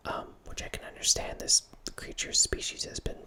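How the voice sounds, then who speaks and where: A man in his thirties, hosting a whispered ASMR ramble about horror films, speaks softly and breathily into a close studio mic from a small room at home while wearing headphones. His pace is normal, and his talk wanders loosely, full of restarts and little self-corrections.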